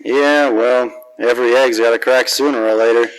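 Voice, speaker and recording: A man's voice: medium pitch, fairly even intonation, moderate pace, clean tone, lightly acted, rough recording. Man playing Scrooge, a cynical hardboiled private eye. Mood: gruff, sardonic. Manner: wisecracking, slangy, world-weary. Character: cynical, grumpy, hard-drinking private detective. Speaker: actor narrating as lead detective. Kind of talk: hardboiled 1940s radio detective narration.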